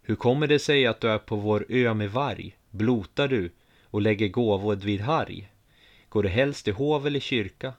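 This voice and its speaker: A man's voice: on the low side, lightly acted. A man voicing a gaunt, wild-eyed warrior who speaks only in sing-song rhyming questions, in a storybook reading. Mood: probing.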